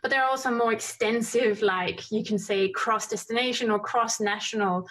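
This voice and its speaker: A woman giving a conference presentation with slides, talking quickly with frequent fillers and self-corrections. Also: on the high side, fairly even intonation, fairly bright tone. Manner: fast-paced with frequent fillers and restarts. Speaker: conference speaker. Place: conference stream.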